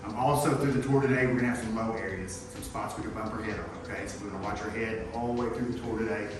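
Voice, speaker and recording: A man briefs a tour group in a folksy, instructional way. He talks quickly in a lowish voice. The recording is very echoey, with clear music over it. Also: fairly even intonation. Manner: folksy, instructional, often checking with "okay?". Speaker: tour guide. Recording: very echoey, distant voice under music.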